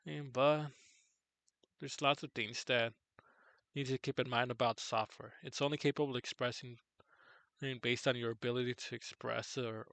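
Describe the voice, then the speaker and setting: A tired man teaching on a live tutorial stream, halting and correcting himself as he goes. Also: creaky, fairly bright tone, no echo. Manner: halting, self-correcting, low-energy. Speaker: streamer teaching 3D character software.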